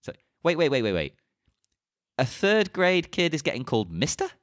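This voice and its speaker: A man's voice: a little high, very animated, moderate pace, fairly bright tone, no room sound, clean studio sound. A man co-hosting a casual film-discussion podcast, playful and questioning, laughing often. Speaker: podcast co-host.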